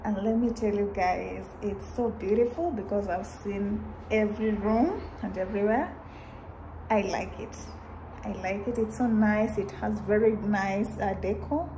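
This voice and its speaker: A woman's voice: medium pitch, unhurried. Chatty woman vlogging, noisy background. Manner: chatty, excited, addresses viewers as guys. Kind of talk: casual travel vlog chat.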